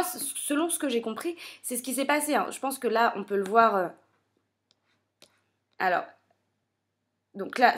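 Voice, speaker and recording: Chatty woman musing aloud, a little high. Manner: thinks aloud with many fillers and self-corrections; playful, teasing asides. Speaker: manga reviewer. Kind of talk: casual spoken commentary.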